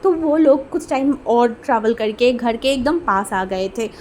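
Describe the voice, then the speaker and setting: A woman's voice: a little high, animated, a little slow, a little mellow, a little hiss or hum. A young woman narrating fan fiction in a casual, chatty storytelling manner, with faint music behind her.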